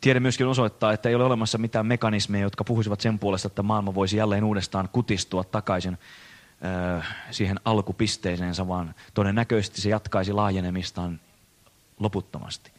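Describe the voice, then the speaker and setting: A man preaching a sermon in an earnest, measured way, slowing down to stress key phrases. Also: fairly low pitch, flat delivery.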